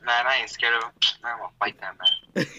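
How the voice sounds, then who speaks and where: A young man chatting casually in slang while gaming, an excitable, easily scared horror game streamer. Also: mid-range voice, quick pace. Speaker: gaming partner. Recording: dull, noisy lo-fi voice chat.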